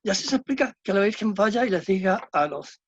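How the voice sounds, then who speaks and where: Guy lecturing on scripture, kinda high gravelly husky voice, dull dry lo-fi recording. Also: expressive, fairly quick, no room sound. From Chile. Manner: explanatory, keeps checking in with tag questions. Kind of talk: Bible study lecture.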